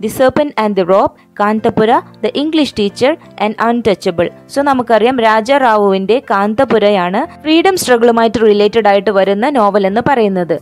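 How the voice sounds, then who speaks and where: A woman teacher with a Malayali accent, going through exam questions. She reads each question slowly and explains the answers in quick asides. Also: a little high, a little mellow, soft background music.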